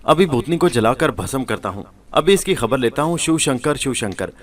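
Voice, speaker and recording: A man voicing a blustering jogi exorcist, loud, shouting threats, storybook figure. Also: mid-range voice, animated, natural voice. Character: wild long-haired male jogi exorcist, blustering.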